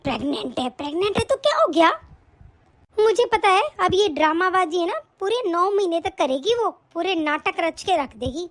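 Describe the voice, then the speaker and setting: A woman's voice: very high-pitched, expressive, normal speed. A woman voicing a lazy, quarrelsome elder daughter-in-law in a cartoon story, whiny and always complaining. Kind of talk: cartoon voice acting.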